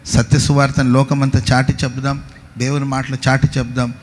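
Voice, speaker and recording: A man's voice: mid-range voice, flat delivery, fairly quick, in a large hall, a little hiss or hum. A man preaching a fervent sermon as pastor at a worship service, often calling out praise and asking the congregation questions.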